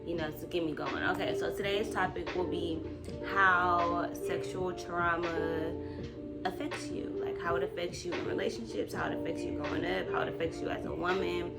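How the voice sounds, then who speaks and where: A woman's voice: fairly low pitch, steady tone, moderate pace, gravelly. A woman in her twenties talking casually and confessionally to her viewers, informal and slangy, hesitating as she looks for words. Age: 20s. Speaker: vlog host. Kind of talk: casual confessional chat to camera. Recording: loud music behind the voice.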